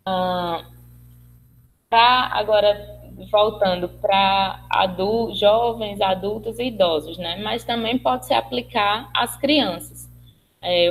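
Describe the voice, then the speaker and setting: A woman's voice: medium pitch, a little hiss or hum, rough recording. A Brazilian woman with a Brazilian Portuguese accent giving a webinar lecture, explaining step by step with fillers and restarts. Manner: explanatory, with many fillers and restarts, acting out example phrases. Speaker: speech therapist lecturer.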